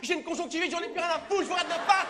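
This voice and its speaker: An actor playing a pompous, touchy playwright who bursts into melodramatic wails in a stage comedy sketch. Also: male voice, very high voice, very fast. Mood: huffy. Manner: melodramatic wailing outbursts. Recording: live stage with audience noise. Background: audience laughter.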